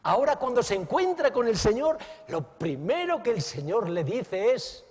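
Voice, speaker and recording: A man preaching a sermon as pastor. He is dramatic, swings between exclamations and hushed asides, and keeps asking the listeners questions. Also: very high voice, sing-song, moderate pace, long reverb tail. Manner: asks the listeners direct questions.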